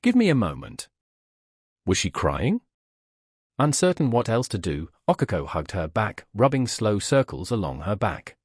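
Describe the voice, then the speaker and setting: A man narrating a romance fanfiction story in an expressive, dramatic reading. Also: lowish voice, moderate pace, breathy edge, dry recording, studio quality. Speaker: fanfiction reader.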